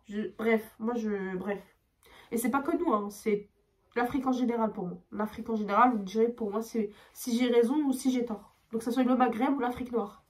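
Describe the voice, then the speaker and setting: A young woman telling a storytime vlog, tired, expressive and swearing as she acts out her dialogue. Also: a little high, brisk. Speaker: vlogger.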